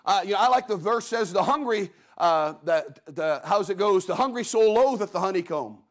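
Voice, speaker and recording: A man's voice: high-pitched, expressive, normal speed. A man preaching a folksy sermon in a church, telling stories and acting out the voices of people in them. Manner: folksy storytelling preacher, acts out voices of Bible figures. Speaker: guest preacher.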